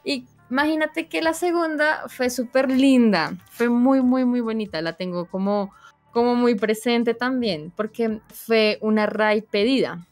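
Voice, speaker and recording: A young woman, a streamer being interviewed, telling stories in a casual, animated way and acting out her own reactions. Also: fairly high pitch, measured pace, soft background music. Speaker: streamer guest.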